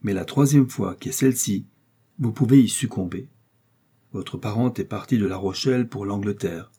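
Brief: a man doing a poetic scholarly musketeer, soft and slow, warm husky tone, storybook. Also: medium pitch, lightly acted. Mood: measured. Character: Aramis, gentle self-assured scholarly musketeer man.

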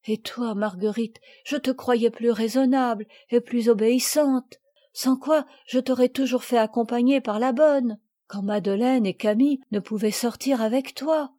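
A woman doing a gentle, grave noble mother. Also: on the high side, normal speed, lightly acted. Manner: gentle but firm.

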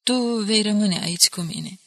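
A woman's voice: mid-range voice, pitched above the performer's own voice, natural voice. A woman voicing a resolute young male soldier who takes command and gives firm orders.

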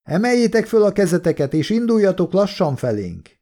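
A man's voice: high-pitched, very animated, mellow, pitched above the performer's own voice. A man voicing a male army officer who barks orders from a distance in an audiobook. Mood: commanding. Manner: barking orders.

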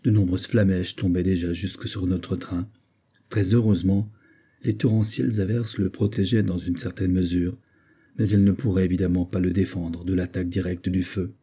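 A man narrating an adventure novel in a steady, measured audiobook reading. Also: low voice, breathy edge. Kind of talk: scripted narration.

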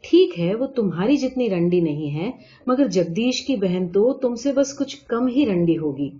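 A woman's voice: mid-range voice, big pitch swings, mellow, lightly acted. A woman voicing a naive, earnest young boy in a read-aloud story, eagerly counting things off. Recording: dull lo-fi audio.

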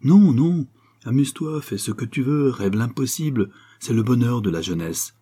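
A man's voice: medium pitch, animated, normal speed, dark tone, breathy edge. A man playing a troubled middle-aged painter father, talking lightly and reassuringly over his strain.

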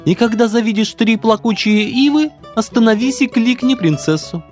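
A man voicing a talking water spring that murmurs directions slowly. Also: very high voice, darkish tone, soft background music, pitched above the performer's own voice. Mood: murmuring. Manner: slow, murmuring.

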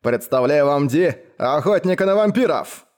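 A loud, cocky biker full of swagger, as a male reader puts him on. He mocks and boasts, pitched well above the reader's own voice. His speech is quick and brash. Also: expressive, natural voice. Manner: swaggering, mocking, indignant.

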